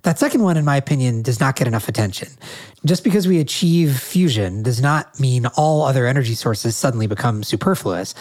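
A man's voice: mid-range voice, lively intonation, fairly quick, a little mellow. A man hosting a podcast interview, talking articulately with a nasal voice from a cold. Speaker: podcast host.

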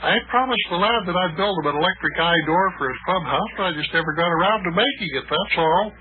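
A man's voice: high voice, quick pace, narrow, tinny audio, a little hiss or hum, natural voice. A middle-aged man playing a kindly taxi driver and inventor in an old radio play, folksy and hesitant. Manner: folksy, hesitant, calls the boy lad. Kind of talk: 1950s radio acting.

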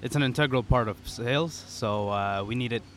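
A young man, a startup founder being interviewed on a podcast, talking in a relaxed way with many "you know"s. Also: mid-range voice, fairly quick, slight background noise. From Serbia, raised in the UAE. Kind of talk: casual interview. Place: pop-up studio at a conference.

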